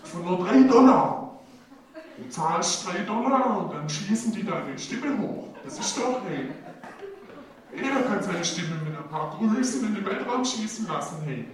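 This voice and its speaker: Slow, high-voiced man rambling on stage. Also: lively intonation, crowd noise. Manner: drops the filler "hey" into nearly every phrase; halting, repetitive phrasing. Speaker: stand-up comedian. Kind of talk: rambling absurd stand-up monologue. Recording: very echoey hall, mic far off, audience laughing. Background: audience laughter.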